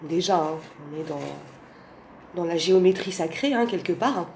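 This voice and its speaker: A woman's voice: fairly low pitch, moderate pace, a little mellow. A woman with a Portuguese accent gushes in a casual vlog, stumbling through fillers and repeated words. Her voice rings in a roomy space with a faint noise floor behind it. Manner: effusive, many fillers and restarts. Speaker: oracle card reviewer. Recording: roomy home recording with faint background noise.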